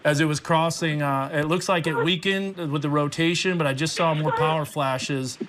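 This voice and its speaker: Higher-pitched male TV meteorologist, live coverage. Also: steady tone, normal speed, noisy background. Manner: explanatory, giving instructions to crew as he goes. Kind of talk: live unscripted severe weather coverage. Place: TV studio.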